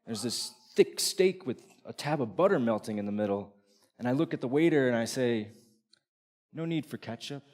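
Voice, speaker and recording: A man's voice: mid-range voice, animated, brisk, background noise. A man performing a live stage story in vivid present tense, building to comic punchlines before an audience.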